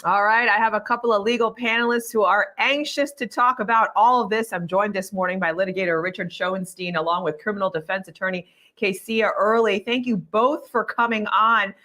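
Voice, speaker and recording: A female news anchor with a medium-pitched voice leads a legal panel. She introduces topics and questions guests in broadcast interview style. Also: steady tone, brisk, hardly any pauses, bright, forceful tone. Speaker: news host.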